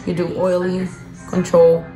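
A woman's voice: fairly low pitch, monotone, a little slow, over music. Playful woman chatting while putting on makeup. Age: young adult. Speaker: beauty vlogger. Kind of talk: casual get-ready-with-me chat while doing makeup. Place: indoor room at home.

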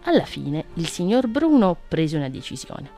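A woman reading a children's picture book aloud on the radio, gentle and expressive. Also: on the low side, measured pace, faint music behind. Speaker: children's story reader. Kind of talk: storybook reading.

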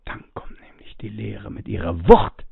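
A man's voice: fairly low pitch, fairly even intonation, a little slow, gravelly, husky, dry recording. A man giving a spiritual teaching in a musing way, acting out the voices of the people he quotes and breathing audibly as he talks. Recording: tinny phone-like audio, dry.

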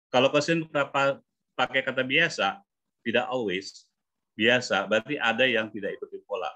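A man coaching English pronunciation in an online class, explaining patiently and sounding out example words slowly. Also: medium pitch, bright, forceful tone. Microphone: video call. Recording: muffled video-call audio.

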